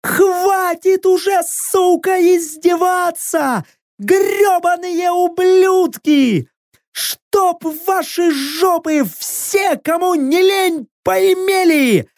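A woman's voice: very high-pitched, drawn-out words, darkish tone, no room sound, clean studio sound, voice pushed up, heavily acted. A woman voicing a desperate, furious imprisoned creature woman who screams curses and begs to be killed.

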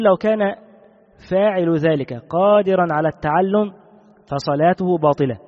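A man teaching a classical religious law text, in a measured way that repeats key rulings. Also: high voice. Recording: dull recording with long reverb.

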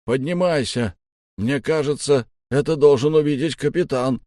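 A man reading an audiobook and voicing a fearless, stout male sailor who talks loudly and mockingly, higher than his own voice. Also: normal speed, dry recording, clean studio sound, natural voice. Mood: urgent. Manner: loud, mocking.

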